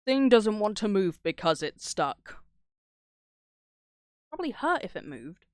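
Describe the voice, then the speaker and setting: With big pitch swings in a medium-pitched voice, this woman streamer takes her time chatting and telling stories while reacting to horror videos. She's sweary and irreverent, performing the dialogue in her retellings. The studio-quality audio has no echo.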